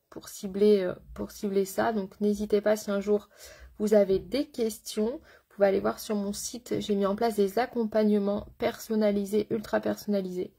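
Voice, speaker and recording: A woman makeup artist leads a live tutorial, greeting viewers with pet names in a chatty, slangy, enthusiastic way. Her medium-pitched voice is warm, with vocal fry and a breathy edge.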